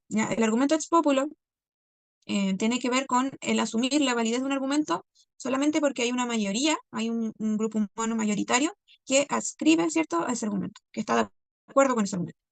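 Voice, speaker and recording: A woman teacher reviewing a class lesson, checking in constantly with "¿ya?" and "¿cierto?" and pausing on many fillers. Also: on the high side, vocal fry, no room sound. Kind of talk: recorded class review lecture.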